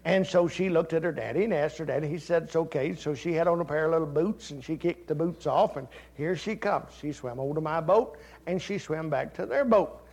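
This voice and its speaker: An older man preaching a sermon, telling folksy family stories and rising to loud, fervent Scripture reading. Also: on the high side, fairly quick, hardly any pauses, slightly rough. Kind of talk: sermon with personal story.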